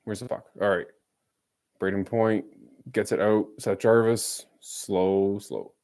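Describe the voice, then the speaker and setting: A man's voice: lowish voice, level tone, measured pace, darkish tone. A man streaming a live watch-along of a hockey game, calling the play and bantering with viewers in a teasing, casual way. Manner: chatty, teasing, jumps between play-by-play and banter.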